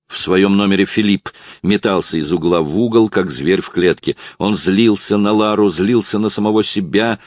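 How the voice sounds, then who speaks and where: A man narrating a romance audiobook in a calm, measured way. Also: low voice, dry recording, studio quality. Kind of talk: scripted narration.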